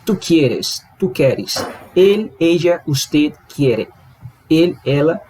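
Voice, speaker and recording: A man with a somewhat high voice leads a language lesson. He explains each point patiently, step by step, and keeps checking that the listener follows. A faint hiss sits behind his voice. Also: expressive, very slow, a little mellow, poor audio. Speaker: language teacher.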